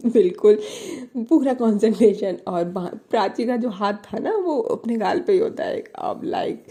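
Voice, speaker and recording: A woman's voice: medium pitch, dark tone. A woman telling a love story in a casual, chatty way, with many fillers.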